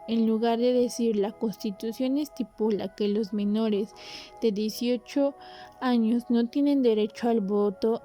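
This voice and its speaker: A woman hosting a podcast, calmly explaining Spanish grammar in a measured, instructive way with pauses. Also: on the high side. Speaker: podcast host.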